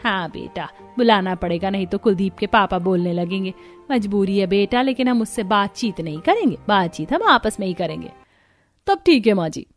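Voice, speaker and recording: A woman's voice: medium pitch, lively intonation, normal speed, soft background music, close to an everyday voice. A woman voicing a brusque, commanding older mother-in-law in a cartoon story. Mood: scheming. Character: older mother-in-law, gruff but doting.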